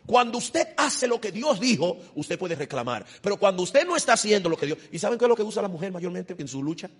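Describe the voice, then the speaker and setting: A middle-aged male preacher giving an impassioned sermon, swinging between loud exhortation and hushed, intimate asides. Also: sits high, very animated, fast, husky.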